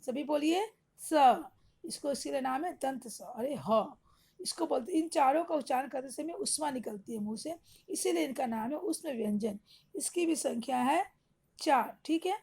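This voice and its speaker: High, gravelly-voiced woman teaching grammar. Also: expressive, normal speed, a little mellow. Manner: patient, explains step by step, asks questions and answers them. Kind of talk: online grammar lesson for children.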